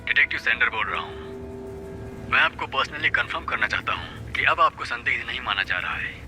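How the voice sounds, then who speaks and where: A man voicing a police detective leaving a voicemail on an answering machine, in a measured, reassuring official tone. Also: medium pitch, expressive, over music. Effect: voicemail message played from an answering machine.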